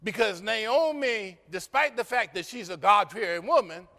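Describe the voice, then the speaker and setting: A male preacher delivers a sermon in an animated storytelling manner. His voice sits high and sounds bright. The sanctuary's long reverb follows each phrase. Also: normal speed, vocal fry. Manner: animated storytelling, acts out characters. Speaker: guest preacher. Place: church sanctuary.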